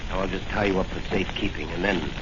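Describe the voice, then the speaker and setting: Man acting Blue Beetle, low-voiced hero, old noisy radio. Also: steady tone, fast, highs cut off, close to an everyday voice. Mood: taunting. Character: cocky, tough male masked crime-fighting hero. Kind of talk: 1940s radio serial acting.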